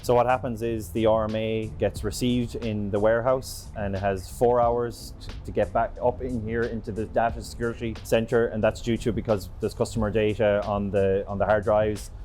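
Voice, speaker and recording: Guy explaining a work process, pretty monotone, light music behind. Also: on the low side, normal speed, hardly any pauses. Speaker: facility staff guide. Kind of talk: explanatory walkthrough. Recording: background music under voice.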